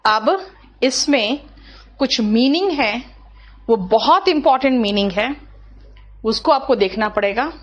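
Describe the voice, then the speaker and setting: A woman's voice: fairly high pitch, lively intonation, lo-fi sound. A woman teacher giving a grammar lesson, spelling out words syllable by syllable and checking that her students follow. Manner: explains slowly, drawing out words syllable by syllable; asks students questions, checks understanding.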